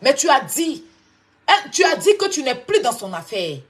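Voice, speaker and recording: A woman from Côte d'Ivoire with an Ivorian French accent, delivering a confrontational, mocking monologue that swings from loud outbursts to low scolding. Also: very animated, normal speed. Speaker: online commentator. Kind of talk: heated clash monologue.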